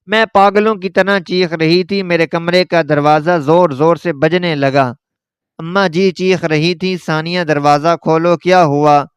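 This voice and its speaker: A man's voice: high-pitched, smooth, dry recording, studio quality. A man giving a dramatic first-person narration of a scripted story.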